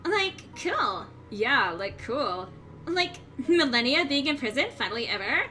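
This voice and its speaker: Bubbly sorority girl monster, Valley Girl accent, gossipy, piercingly bright, high voice. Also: sing-song, measured pace, faint music behind, heavily acted. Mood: laid-back, breezy.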